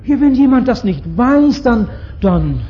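Fervent high-voiced male preacher, lo-fi. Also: very animated. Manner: fervent, pleading, quotes scripture slowly and solemnly. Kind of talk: sermon. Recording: dull lo-fi recording.

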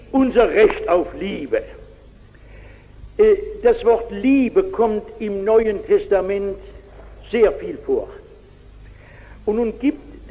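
A man preaches an evangelistic sermon in a high voice and a slow, deliberate pace. He bursts into loud emphatic lines and turns to the audience with asides. The sound is dull and echoes through a large hall.

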